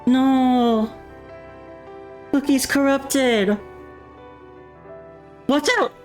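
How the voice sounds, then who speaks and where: A man's voice: extremely high pitch, fairly even intonation, drawn-out words, faint music behind, voice pushed up, full character voice. A man voicing a small malfunctioning robot companion that keeps glitching and announcing errors in clipped robotic status lines. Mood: alarmed. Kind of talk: reading game dialogue aloud.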